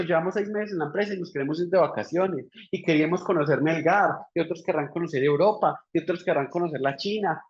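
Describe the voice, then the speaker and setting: A man lectures entrepreneurs in a fairly high voice. He keeps asking rhetorical questions and checking in with "right?". The recording sounds dull and lo-fi. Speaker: business lecturer.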